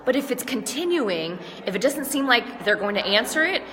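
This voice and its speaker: A woman's voice: fairly high pitch, big pitch swings, moderate pace, in a large hall. A woman speaking coach, stuffy and congested from allergies, giving upbeat, chatty presentation tips to viewers. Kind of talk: casual tips vlog. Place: large stage venue.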